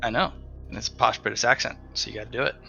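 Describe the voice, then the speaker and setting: A male game master runs the table in a bright, sharp voice with a gravelly edge. He lays down rules in a playful, teasing manner, and faint music sits underneath. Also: medium pitch, steady tone, rapid-fire, lo-fi sound. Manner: playful, teasing rule-setter.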